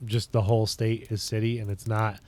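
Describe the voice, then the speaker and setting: A man's voice: fairly low pitch, flat delivery, fairly quick, darkish tone. A man from upstate New York hosting a casual livestream, chatting with viewers and thinking aloud in loose, rambling sentences. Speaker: livestream host.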